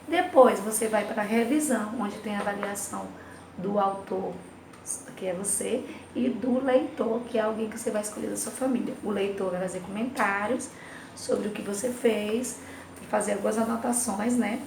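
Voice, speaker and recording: A woman's voice: mid-range voice, normal speed, gravelly, echoey room, background noise. A woman teacher with a Brazilian Portuguese accent, going through a lesson for her class and singing bits of nursery rhymes between the explanations. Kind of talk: recorded remote class lesson.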